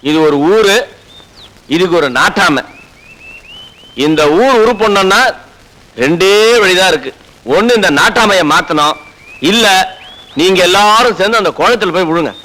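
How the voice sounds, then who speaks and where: A man's voice: sits high, normal speed, pauses often, pushed and bright, low-quality recording. An actor playing a cheeky young man who mocks and scolds the villagers in a comedy film. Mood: scornful. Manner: mocking, defiant speech to villagers. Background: film score.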